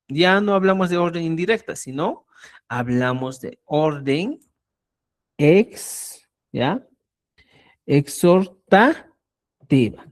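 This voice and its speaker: A teacher leads an online language lesson at an unhurried, deliberate pace. The pitch rises and falls expressively, and the teacher keeps stopping to ask whether the students are following. Points are explained with simple everyday examples. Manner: keeps checking understanding with "¿ya?". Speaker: Quechua teacher.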